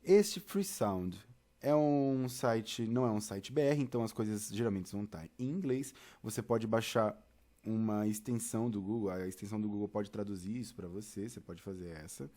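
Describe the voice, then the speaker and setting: This theatre and audio tutorial presenter has a mellow, lowish voice and a Brazilian accent, moving at a moderate pace. Speaking straight to the listener, he guides them through each step in a casual, conversational tone.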